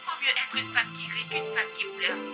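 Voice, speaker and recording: A woman's voice: a little high, lively intonation, normal speed, muffled recording, over music, close to an everyday voice. An actress voicing a blunt friend who pushes a married woman to leave, in a dubbed drama. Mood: pressing. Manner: blunt, pressing. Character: blunt woman friend giving tough advice.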